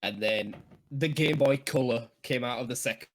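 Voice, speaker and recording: A man, chatting casually and nostalgically on a podcast, laughing often and filling pauses with ums. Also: medium pitch. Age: 20s. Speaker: podcast co-host. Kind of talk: casual chat.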